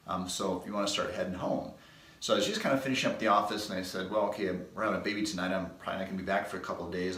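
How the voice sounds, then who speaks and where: Chiropractor guy rambling thru a story, kinda low voice, roomy sound. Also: fairly bright tone. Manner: folksy, rambling anecdotes with restarts. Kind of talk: casual storytelling to camera.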